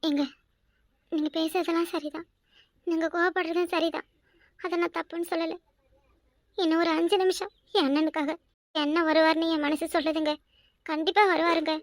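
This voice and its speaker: A woman's voice: very high-pitched, flat delivery, normal speed, long pauses, no room sound, studio quality. A woman doing an earnest young village wife. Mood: imploring. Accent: Kanyakumari Tamil. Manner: earnest, imploring.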